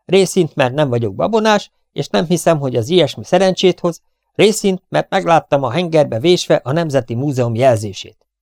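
A man's voice: on the high side, lively intonation, vocal fry, darkish tone, no echo, clean studio sound, pitched above the performer's own voice. A man voicing an earnest young soldier who answers every question dutifully and politely in an audiobook reading. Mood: dutiful, eager. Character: eager young male soldier, politely insistent.

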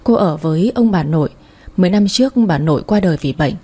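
Mellow husky woman narrating a story. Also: on the low side, expressive, brisk.

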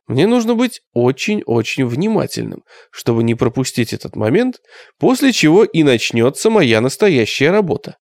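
A man reading an audiobook in the first person, his pitch rising and falling in lively turns. His delivery is measured and tense, and the recording is dry and close, with no room sound. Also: dry recording. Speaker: audiobook narrator. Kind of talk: scripted first-person narration.

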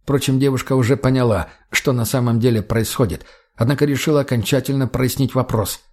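A man narrating an audiobook with a husky, grainy voice at a middle pitch. His reading is steady and measured. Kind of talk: scripted narration.

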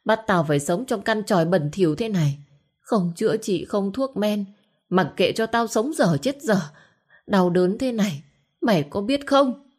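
A woman's voice: lowish voice, fast, few pauses, lightly acted. Give me a woman acting out a bitter, wailing sick old man in an audio story. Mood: cursing. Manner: moaning, then shouting curses.

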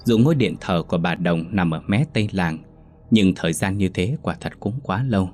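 A man narrating a scripted ghost story in a steady, suspenseful reading voice. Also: deep voice, normal speed.

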